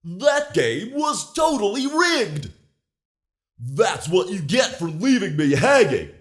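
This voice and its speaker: Whiny toy robot sore loser from a game, high voice all over the place. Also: male voice, sing-song, takes it slowly, full character voice. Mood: indignant. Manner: whining complaints. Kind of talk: video game character acting.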